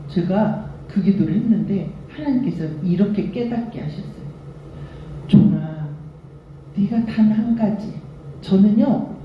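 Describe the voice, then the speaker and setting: An older woman pastor giving a revival sermon, telling stories with lively, acted-out quoted voices. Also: mid-range voice, very echoey, lo-fi sound, slight background noise. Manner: animated storytelling, acts out quoted voices. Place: church sanctuary.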